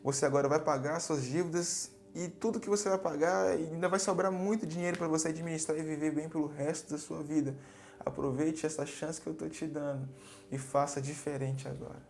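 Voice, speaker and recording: A man's voice: on the high side, steady tone, fairly quick, creaky, darkish tone. A man reading as a wise old father. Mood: calm, fatherly. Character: wise older father writing a farewell letter.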